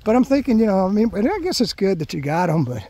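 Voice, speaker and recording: A man's voice: high voice, sing-song, quick pace, mellow, dry recording. A man narrating his hike in a casual, rambling vlog, thinking aloud as he walks and filling his talk with "you know.". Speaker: hiking vlogger. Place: outdoors on a grassy trail through palm scrub.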